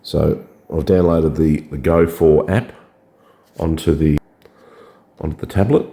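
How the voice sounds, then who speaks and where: A man with a scratchy, hoarse voice from a cold, hesitantly talking through a setup step by step. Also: very deep voice, steady tone, a little slow, mellow. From Australia. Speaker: drone hobbyist. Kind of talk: casual tutorial narration.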